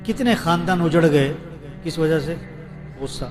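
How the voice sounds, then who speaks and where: A man's voice: on the high side, animated. A man preaching a sermon to a seated gathering with a Pakistani Urdu accent, repeating questions for his listeners to answer. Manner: rhetorical questions, call-and-response repetition.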